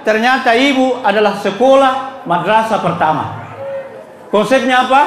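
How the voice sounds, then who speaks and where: Middle-aged preacher guy, south sulawesi accent, really high voice, jokey stories, echoey hall. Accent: South Sulawesi Indonesian. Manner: jokey storytelling, asks the audience questions. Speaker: Islamic preacher. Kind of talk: humorous sermon with anecdotes. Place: hall at a religious gathering. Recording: echoey hall with audience murmur.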